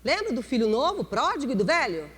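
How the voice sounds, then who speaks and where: A woman pastor from Brazil preaching a sermon, talking in a confiding way with sudden dramatic jumps in pitch and drawn-out words. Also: very animated, fairly bright tone, breathy edge. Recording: church hall reverb.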